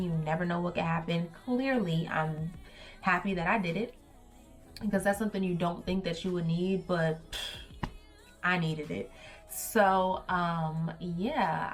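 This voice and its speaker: Young woman vlogger, chatty storytime, lower voice, faint music underneath. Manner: animated, slangy, acts out quotes. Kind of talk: casual storytime vlog.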